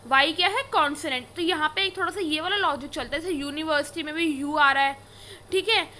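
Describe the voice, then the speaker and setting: A woman's voice: sits high, a little fast, pushed and bright, slight background noise. A woman teacher explaining a grammar lesson, asking questions and answering them herself. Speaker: English teacher.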